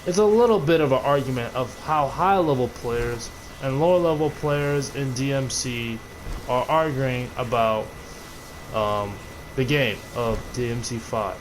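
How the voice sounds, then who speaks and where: A man's voice: mid-range voice, a little slow, slight background noise, rough recording. A man ranting casually about a video game, rambling and cursing, often restarting his sentences. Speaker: gaming video creator. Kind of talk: casual gaming rant.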